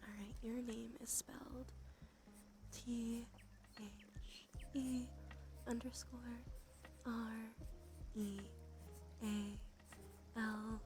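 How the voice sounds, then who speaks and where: This ASMR streamer, a woman speaking softly and close to the microphone over music, chats unhurriedly and often drifts into a breathy whisper with creaky fry. Her voice is a little high and level in tone, with drawn-out words and long pauses.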